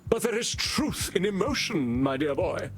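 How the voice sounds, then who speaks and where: A vain, easily wounded vampire thespian from a video game, pitched high for a male. He speaks with slow, theatrical villain menace and lofty archaic phrasing, over faint music. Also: very animated. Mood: wounded, condescending.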